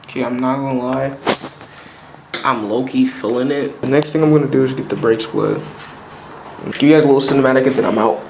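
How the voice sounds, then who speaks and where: A young man talks loosely and slangily to his viewers as he works on a bike, his voice sitting at an ordinary middle pitch. The sound bounces around an echoey indoor room downstairs. A faint hiss of background ambience sits under him. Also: steady tone, fairly quick, long pauses. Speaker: vlogger. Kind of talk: casual talk while working on a bike.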